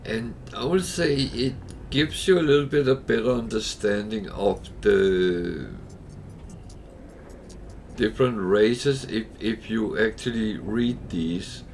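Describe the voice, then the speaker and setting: A man gives casual, unhurried commentary on his game in a low, gravelly voice that is husky and crackling. He muses aloud, pausing on plenty of fillers, while a steady hiss runs under the noisy stream recording.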